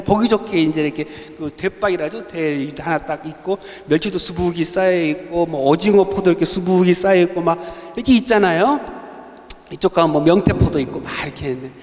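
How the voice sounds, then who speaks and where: A man's voice: sits high, in a large hall. A man preaching at a Bible study, telling stories in a conversational way and asking the congregation rhetorical questions. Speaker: pastor. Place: church hall.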